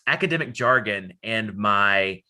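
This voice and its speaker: A man with a Southern Appalachian accent speaks in a bright, forward voice. He talks informally to an online group as a presenter, wandering through his thoughts in folksy yet academic phrasing. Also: on the low side, animated, measured pace. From Southern Appalachia, United States. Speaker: academic presenter, college dean. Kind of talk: informal online talk to participants. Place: at home, on a video call.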